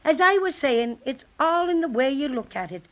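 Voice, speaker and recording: A woman's voice: high voice, sing-song, normal speed, a bit bright. A woman playing a tiny, cheerful, boastful male toy bear who dithers and chatters in a children's radio serial. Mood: explaining, chipper. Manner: dithering, self-interrupting, chatty explainer. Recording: dull lo-fi 1930s radio transcription.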